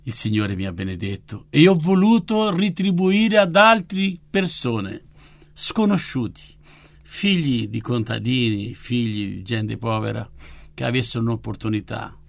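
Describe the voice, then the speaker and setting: Older man from Italy, missionary giving testimony; gravelly, fervent, lively, dry close sound. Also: medium pitch, measured pace, dry recording. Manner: lively storyteller, fervent and emotional. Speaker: missionary and orphanage founder. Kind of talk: personal faith testimony.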